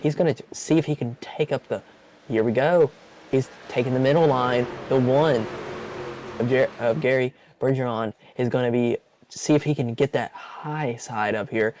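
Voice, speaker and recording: A man calling an online truck race in a casual, excitable play-by-play. His voice sits at an ordinary middle pitch, and he restarts sentences often as the action unfolds. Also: normal speed, slight background noise. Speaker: race commentator. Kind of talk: sim racing commentary.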